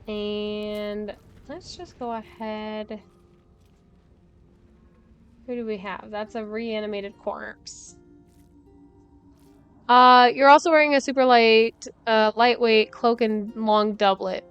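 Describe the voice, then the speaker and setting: A woman's voice: mid-range voice, clean tone. A woman streaming a game, chatting casually and thinking aloud while she plays, with frequent laughs. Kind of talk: casual gameplay commentary.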